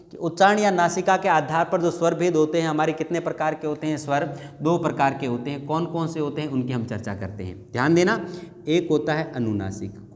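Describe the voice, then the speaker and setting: Echoey Hindi teacher drilling terms slowly. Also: male voice, on the high side. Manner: repeats key terms slowly, asks and answers his own questions. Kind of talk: classroom lecture for exam prep.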